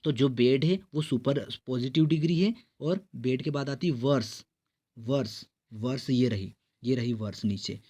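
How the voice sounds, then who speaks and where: A man teaches an exam-prep grammar lesson at an ordinary middle pitch. He walks the class through each answer step by step, poses a question and answers it himself. The quiz sentences come out slow and clear. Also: dark tone. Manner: explains step by step, asks and answers his own questions; reads English quiz sentences slowly and clearly.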